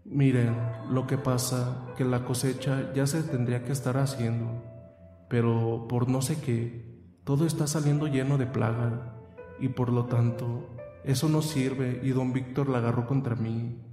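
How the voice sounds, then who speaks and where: A man voicing a worried middle-aged farmhand father who speaks slowly and heavily over background music. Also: medium pitch, level tone, mellow, echoey room, long reverb tail, lightly acted. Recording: music playing under the voice.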